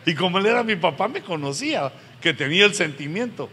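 Middle-aged male pastor, pleading sermon delivery, slightly high voice, long hall reverb. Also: animated, brisk. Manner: earnest, pleading, with sudden loud emphatic rises. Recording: long hall reverb, faint background noise.

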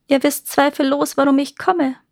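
A woman's voice: sits high, steady tone, moderate pace, vocal fry, a little mellow, no echo, studio quality, pitched above the performer's own voice. A woman voicing a hideous, scheming old witch who wheedles and threatens. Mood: demanding.

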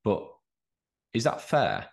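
A man hosting a podcast and interviewing a guest in a conversational way, with frequent restarts. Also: slow. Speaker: podcast host.

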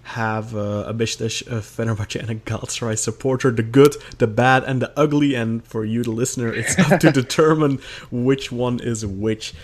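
A man's voice: mid-range voice, fairly even intonation, moderate pace, hardly any pauses. A man of thirty from Belgium, hosting a football podcast in an upbeat, organized way. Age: 30s. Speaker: podcast host. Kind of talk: casual chat.

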